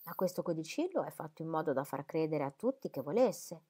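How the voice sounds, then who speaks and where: A woman reading the lines of a placid, stubborn older gentleman who rambles mildly. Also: low voice, big pitch swings, a little fast. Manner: rambling, mild, keeps asking "capite?". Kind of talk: audiobook character reading.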